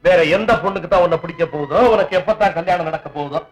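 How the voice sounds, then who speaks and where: An actor playing a kindly, fatherly man of the house in a 1960s film drama, speaking in a gentle, indulgent, teasing way. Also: high voice, racing, husky, rough recording.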